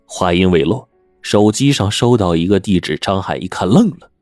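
Lively low-voiced male storyteller. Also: normal speed, no room sound, clean studio sound, faint music behind. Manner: animated, dramatic storyteller. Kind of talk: oral storytelling narration.

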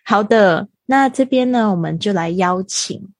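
Effusive woman host, husky creaky voice. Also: mid-range voice, lively intonation, a little slow, no room sound, studio quality. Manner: effusive, praising. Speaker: host of online club session. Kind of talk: informal hosting with encouraging remarks.

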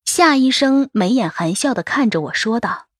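A woman's voice: a little high, lively intonation, normal speed, husky, no room sound, clean studio sound. A woman narrating a first-person novel as an audiobook, in a wistful, emotive storytelling manner.

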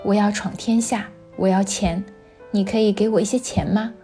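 A woman's voice: mid-range voice, fairly even intonation, moderate pace, warm tone, soft background music, close to an everyday voice. A woman voicing a boy who grows into a tired old man in a storybook reading, speaking plainly and wearily. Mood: demanding. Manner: plain, weary.

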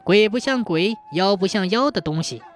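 A woman narrating a folk tale in a plain, steady way. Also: mid-range voice, moderate pace. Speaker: storyteller.

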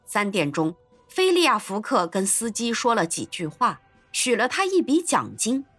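A woman narrating an episode of a classic adventure novel in an expressive storytelling manner. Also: medium pitch, moderate pace, dry recording, soft background music. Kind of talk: scripted narration.

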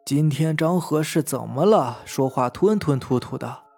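A man's voice: a little high, unhurried, gravelly, darkish tone, husky, faint music behind, heavily acted. A man voicing an irritable wealthy household master who talks in a commanding, impatient way.

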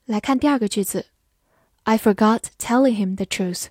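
A young adult woman teaching English vocabulary in a scripted lesson, spelling out words slowly and carefully. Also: medium pitch, darkish tone, no echo, clean studio sound.

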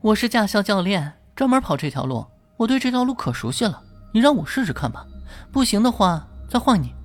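A woman's voice: medium pitch, sing-song, a little fast. A breezy young woman in her twenties, coaxing and playful, her voice swooping up and down, as a woman plays her. Faint music hums behind. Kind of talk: storytelling voice acting.

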